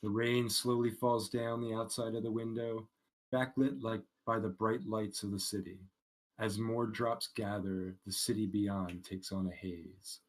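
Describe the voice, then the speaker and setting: A man's voice: on the low side, flat delivery, rough recording. Man narrating as game master. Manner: reads scene text slowly and evenly.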